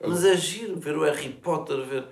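A young man with a European Portuguese accent, chatting casually in a relaxed, slangy way and reminiscing. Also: on the high side, normal speed, vocal fry, roomy sound. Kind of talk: casual chat.

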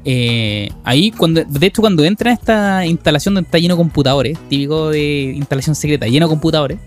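A man's voice: on the high side, quick pace, soft background music. A man with a Chilean accent co-hosting a casual chat, retelling scenes of a series in loose, slangy storytelling. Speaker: podcast co-host.

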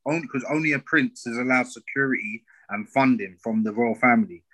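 A man's voice: medium pitch, brisk, sharp tone, poor audio. A man with an urban London street accent, arguing his opinions in casual roadman slang with emphatic rhetorical questions, as a podcast co-host.

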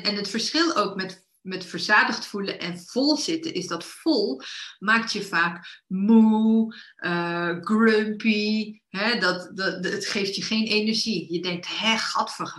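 A woman talks through eating advice in a relaxed coaching manner, stumbling over her words and filling pauses. Her voice is bright and clear. The room around her echoes noticeably. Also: medium pitch. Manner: coaching, many fillers and restarts, acts out inner voices. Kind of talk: casual talk.

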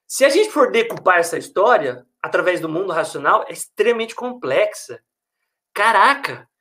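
Animated man telling clown stories. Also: high-pitched, normal speed. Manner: animated storyteller, slangy. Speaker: hospital clown and researcher. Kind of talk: casual conversation.

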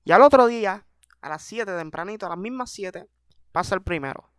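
Animated young Puerto Rican man, high voice. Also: fairly quick. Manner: animated, exaggerated, self-mocking, slangy. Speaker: podcast host. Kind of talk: comedic monologue.

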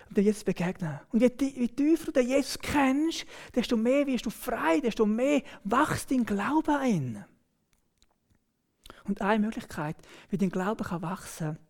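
A woman with a Swiss German accent, preaching a sermon emphatically, with exclaimed interjections and hushed, near-whispered phrases. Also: medium pitch. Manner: emphatic, with exclaimed "wow" and "hey"; drops to a near whisper at times.

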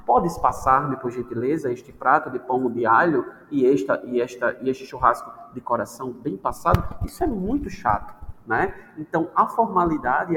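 On a podcast, a man from Brazil who teaches languages talks in a casual, animated way and playfully performs quoted voices. His voice is on the high side and a bit bright, recorded with long reverb and faint background noise.

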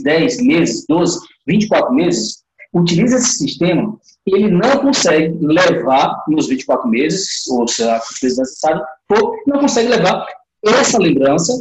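A man's voice: fairly high pitch, roomy sound, a little hiss or hum, low-quality recording. A man giving a casual live lesson, talking straight to his viewers with lots of fillers. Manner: chatty, talks straight to viewers with many fillers. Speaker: teacher on a live class.

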